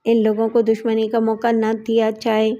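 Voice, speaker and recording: A calm, commanding male army major, as a woman narrator reads him in a storybook reading, with a fairly high, mellow voice. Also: highs cut off, natural voice.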